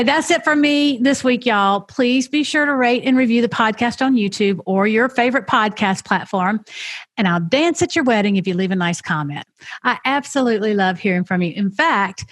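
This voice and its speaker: A woman's voice: mid-range voice, no echo. A woman hosting a podcast interview, talking emotionally and repeating herself, then speaking straight to her listeners. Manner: emotional, warm-spoken, repeats herself when moved. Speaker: podcast host. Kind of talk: conversational interview and direct-to-listener wrap-up.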